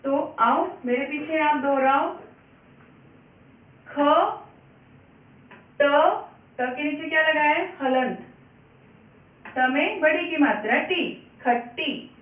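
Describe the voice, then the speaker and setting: Patient high-voiced woman teaching children. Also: a bit bright, roomy sound, distant mic, dull audio. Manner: patient, repeats words slowly, asks and answers own questions. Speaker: primary school Hindi teacher. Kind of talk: children's online lesson.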